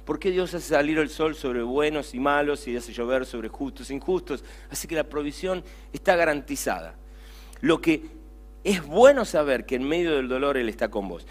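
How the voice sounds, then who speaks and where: A middle-aged pastor with an Argentine accent preaches a sermon, alternating between loud, emphatic lines and hushed, quiet asides. His voice is on the high side, animated, at a moderate pace.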